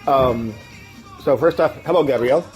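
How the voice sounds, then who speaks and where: A man's voice: mid-range voice, a little slow, a little mellow, faint music behind, poor audio. A man doing a comic special report, hamming up his intro and then interviewing a worker in a taco shop with plenty of fillers. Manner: hammy announcer tone in the intro, loose with fillers when interviewing. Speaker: writer and roving reporter.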